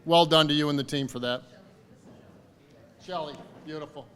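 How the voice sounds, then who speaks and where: A man's voice: fairly high pitch, steady tone, normal speed, fairly bright tone, clean tone, big-room sound. A man giving a fundraiser speech at a lakeside party, rallying the crowd with repeated calls to commit. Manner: rousing, repetitive rallying calls. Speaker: fundraising campaign speaker. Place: party venue by a lake.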